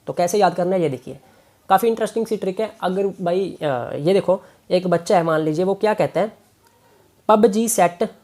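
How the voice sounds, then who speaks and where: A man's voice: high voice, fairly quick, a little mellow. A male tutor teaching a chemistry exam lesson, coaxing his students and repeating key points. He mixes English terms into his Hindi.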